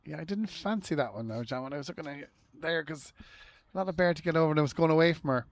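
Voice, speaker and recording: A man's voice: on the high side, fast. Irish man giving conversational golf commentary. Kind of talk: live golf commentary, conversational and low-key.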